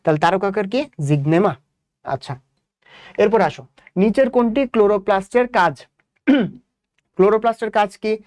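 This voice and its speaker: A man's voice: high-pitched, a little fast, pauses often, darkish tone, no room sound, studio quality. A young man from Bangladesh with a Bangladeshi Bengali accent, teaching a biology exam-prep lesson, repeating points and quizzing students with rhetorical questions. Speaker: biology tutor.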